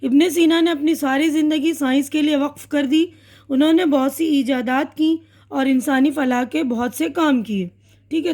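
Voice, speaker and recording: A woman teaching a class lesson in a high, light voice. She explains patiently, repeats key words, corrects small slips and checks that her students follow.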